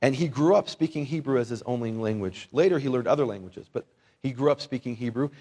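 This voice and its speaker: A man with a mellow, mid-range voice speaks fast while giving an informal Bible lesson to a live audience in his native English. A Bible teacher and lecturer, he's conversational and wryly humorous, leaning on rhetorical questions and having listeners echo words.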